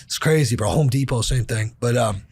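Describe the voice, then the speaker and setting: A man's voice: mid-range voice, fairly quick, vocal fry, darkish tone, breathy edge. A man talking as a podcast guest, telling a personal story in a blunt, profane, casual way with lots of fillers.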